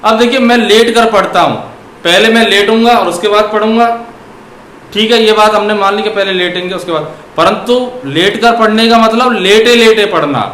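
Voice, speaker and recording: High-voiced man teaching grammar in an echoey room. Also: normal speed, fairly bright tone. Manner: asks questions and answers them himself; drags out words when dictating examples. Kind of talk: classroom grammar lesson. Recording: echoey room with faint noise.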